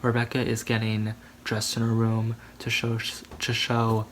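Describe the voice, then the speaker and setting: A man in a casual movie recap rambles through the plot with many fillers. His voice is mid-pitched, with faint noise behind it. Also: completely flat delivery, unhurried, low-quality recording. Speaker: movie reviewer vlogger.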